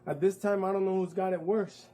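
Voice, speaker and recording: A man's voice: high voice, steady tone, brisk, dark tone, poor audio. Man telling a one-man stage story. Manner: vivid storytelling, wry asides. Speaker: performer.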